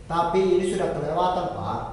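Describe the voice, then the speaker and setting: A man playing a furious shouting debate guest in an echoey room. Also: high voice, animated, fairly quick, a little hiss or hum. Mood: indignant. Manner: heated, accusing, raises his voice. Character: angry indignant male debate guest, shouting accusations. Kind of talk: staged TV debate role-play. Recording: very echoey room, mic far off.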